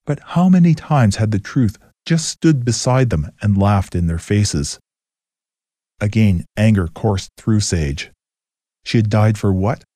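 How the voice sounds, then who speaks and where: A man giving a scripted, steady story narration. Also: fairly low pitch, measured pace, no echo, clean studio sound.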